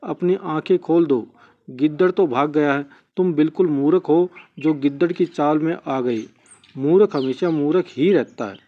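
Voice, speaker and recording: A small storybook earthworm speaks earnestly to his big friend, voiced by a male narrator. The tone is a touch high. The sound is dull and lo-fi. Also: moderate pace, close to an everyday voice. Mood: scolding. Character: sly little earthworm, crocodile's loyal friend. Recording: dull lo-fi recording.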